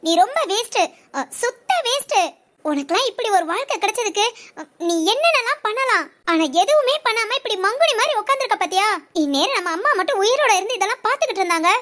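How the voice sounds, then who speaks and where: A woman voicing a young wife in a family audio drama, lamenting and self-pitying in a girlish voice. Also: a bit bright. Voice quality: very high, girlish voice.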